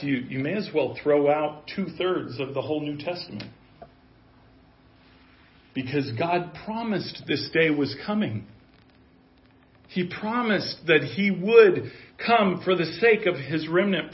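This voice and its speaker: A man's voice: a little high, animated, a little slow. Earnest preacher man in his fifties. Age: 50s. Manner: earnest, conversational preaching with rising emphasis. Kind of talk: sermon. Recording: dull lo-fi audio.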